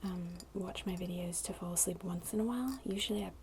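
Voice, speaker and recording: A woman speaking very softly and breathily in a casual, hesitant ASMR chat to viewers, in a hushed near-whisper. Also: lowish voice, brisk. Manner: very soft, breathy, hushed delivery. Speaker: ASMR video creator. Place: indoors at a wooden table. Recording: clicky tapping noise over close voice. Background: fingernail tapping and scratching on glass bottle.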